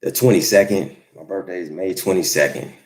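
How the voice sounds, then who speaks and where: In a low, darkish voice and at a slightly fast pace, a man in his forties chats with viewers on his YouTube livestream from home in Los Angeles. He's easygoing and laid-back, rambling as he answers comments as they come in.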